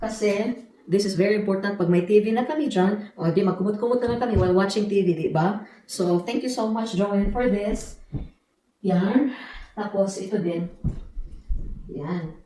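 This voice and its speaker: A middle-aged Filipina vlogger shows off her new house in a casual home vlog, chatting and joking while mixing Tagalog and English. Her mid-range voice is mellow and moves at a moderate pace, and the room sounds echoey.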